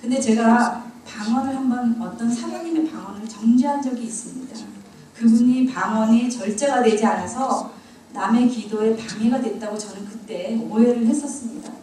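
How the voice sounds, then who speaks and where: A woman's voice: on the high side, dark tone, slight background noise. A middle-aged woman, a church deaconess, giving her testimony with humor, mocking herself and laughing often. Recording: very echoey hall, mic far off.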